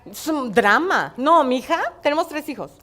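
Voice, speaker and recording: Middle-aged woman preacher, high voice, expressive delivery that drops to a hush and rises loud. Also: normal speed. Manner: expressive, swings between hushed and loud. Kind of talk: sermon with personal stories.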